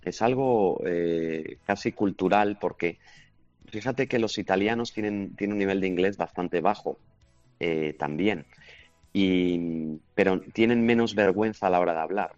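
A man's voice: low voice, a little slow, a little mellow, dry recording, soft background music. A man, answering interview questions as a language teaching expert, confident and explanatory. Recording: slightly dull lo-fi recording.

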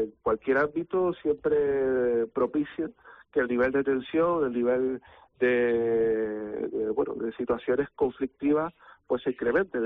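A man speaks in a measured, formal way, pausing often with hesitations as he explains himself. His voice sits at an ordinary middle pitch. It comes through a thin, tinny phone line. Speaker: deputy mayor interviewed by phone. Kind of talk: phone interview on radio.

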